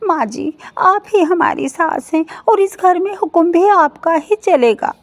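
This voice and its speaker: Woman doing meek, high young daughters-in-law. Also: animated, unhurried, exaggerated voice. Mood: pleading. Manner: pleading, high-pitched.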